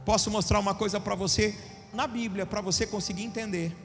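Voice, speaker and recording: High-pitched man preaching in a reverberant hall. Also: fairly even intonation, fast talker. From Brazil. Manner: preaching with call-and-response questions, shifting between loud and soft. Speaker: pastor. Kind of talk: sermon. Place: church hall. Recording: long hall reverb with faint music. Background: faint music.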